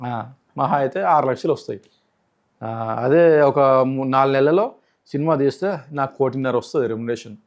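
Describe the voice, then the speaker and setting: A man's voice: medium pitch, moderate pace, pauses often. A man, an interview guest boastfully recounting his auditions. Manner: boastful, insistent storytelling. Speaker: interview guest, aspiring actor. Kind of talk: casual interview.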